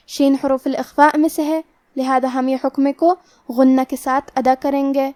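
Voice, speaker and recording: A woman teaching Quran recitation rules step by step in a calm, methodical way. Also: high-pitched, no echo, clean studio sound. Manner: slow drawn-out demonstration of each word. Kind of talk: step-by-step tajweed lesson.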